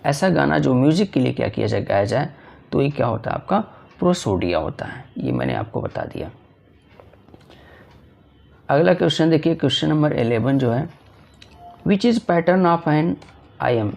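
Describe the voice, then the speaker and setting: Gravelly male teacher, slow English lines. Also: medium pitch, big pitch swings, darkish tone. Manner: repetitive, asks and answers his own questions; reads English lines slowly then explains in Hindi. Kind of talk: exam-prep lesson.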